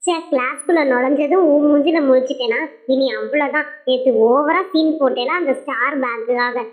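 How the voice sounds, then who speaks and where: A jealous schoolgirl doll who taunts and scoffs at her classmate, voiced by a woman in a homemade doll-show cartoon. Her voice sits high and thin. It comes through with a tinny, phone-like sound. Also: moderate pace, close to an everyday voice. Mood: taunting. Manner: taunting, scornful.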